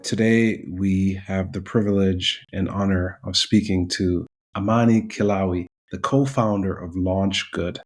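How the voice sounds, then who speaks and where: Male podcast host, lowish voice, measured delivery. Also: steady tone. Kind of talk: podcast interview.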